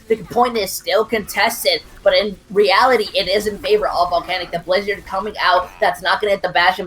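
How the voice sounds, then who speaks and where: A woman's voice: on the low side, fairly bright tone. Woman calling an esports match live. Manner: brisk, running call of the action. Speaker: esports play-by-play caster. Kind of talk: live play-by-play commentary.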